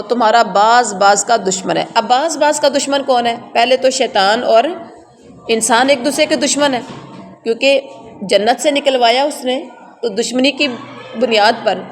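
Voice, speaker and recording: A woman with a Pakistani Urdu accent teaching a Quran lesson, reciting verses slowly and then explaining each one in plain conversational words. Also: a little high, long reverb tail. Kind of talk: word-by-word translation lesson. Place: room with noise heard from outside.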